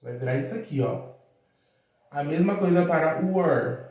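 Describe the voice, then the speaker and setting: A man's voice: fairly high pitch, lively intonation, a little mellow. A man with a Brazilian Portuguese accent giving a casual, chatty video lesson as an English teacher, drawing out words as he writes on the board. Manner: chatty, drawn-out words while writing on a board. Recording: very echoey room.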